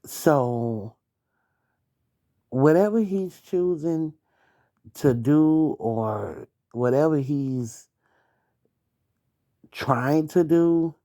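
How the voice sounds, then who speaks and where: A woman's voice: low voice, lively intonation, drawn-out words, long pauses, dark tone. A young adult woman hosting a late-night podcast, venting bluntly about her ex, swearing and talking straight at him. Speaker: podcast host.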